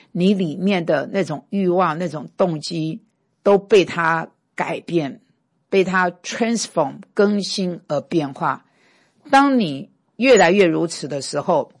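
A woman preaching a sermon in a lively, emphatic way, sometimes acting out quarrels. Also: low-pitched, vocal fry, slightly rough.

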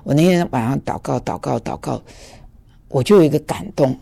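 A man telling a conversion story in a sermon, acting out the dialogue and stammering when excited. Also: medium pitch, a little fast, vocal fry, slightly rough. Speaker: preacher giving testimony.

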